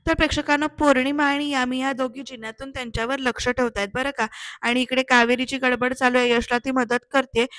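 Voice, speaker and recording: Recapping an episode of a TV serial in a casual voice-over, a woman speaks chattily and directly to her viewers. Her voice is fairly high and fairly bright, with no room sound.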